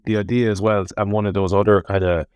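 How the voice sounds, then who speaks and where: A man's voice: on the low side, flat delivery, quick pace, a little mellow, clear, resonant tone, no echo, studio quality. A man with a west of Ireland accent, talking reflectively as an interview guest in an earnest, emphatic way and often putting questions to himself. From Galway, west of Ireland. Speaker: interview guest, ocean rowing adventurer. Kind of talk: reflective conversational interview talk.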